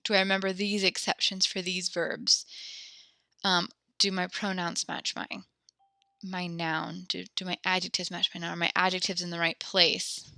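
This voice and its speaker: Speaking close into a headset or desk mic, a young woman leads an online French class, patiently encouraging her students with step-by-step explanations, slightly out of breath. Her lowish voice has little pitch movement and is creaky, bright, and forceful, at a moderate pace with no echo.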